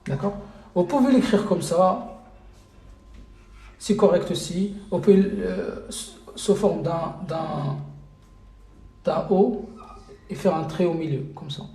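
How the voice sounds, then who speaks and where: A man's voice: high-pitched, slow pace, long pauses, mellow, reverberant. A man teaching a live online lesson as an Arabic teacher, hesitant with many fillers and repeated checks that listeners follow.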